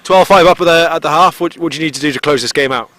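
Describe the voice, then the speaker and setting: A man working as a sideline reporter, firing loud questions at a player outdoors. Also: a little high, racing. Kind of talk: sideline interview.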